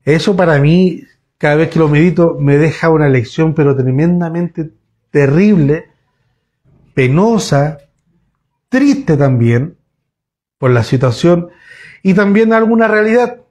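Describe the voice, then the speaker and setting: A man's voice: on the high side, expressive, measured pace, pauses often, darkish tone. A man preaching a sermon in a church, telling a story in a conversational way with frequent restarts. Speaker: pastor.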